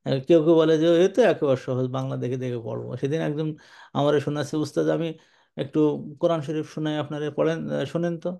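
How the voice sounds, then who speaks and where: Older man, gravelly and mellow, animated Quran commentary. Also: fairly high pitch, fast. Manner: animated, with colloquial asides and Arabic recitation. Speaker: Islamic scholar giving Quran commentary. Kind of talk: sermon-style Quran commentary.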